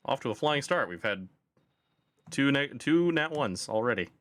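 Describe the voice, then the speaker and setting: A man running a tabletop game as game master, joking and relaxed, sometimes stumbling over words. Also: mid-range voice, normal speed, dry recording. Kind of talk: casual game hosting.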